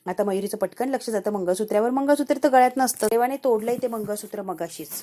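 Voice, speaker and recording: Mellow-voiced woman recapping an episode. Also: medium pitch, fast talker. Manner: conversational, frequently asks the listener questions. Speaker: serial episode reviewer. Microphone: voiceover microphone.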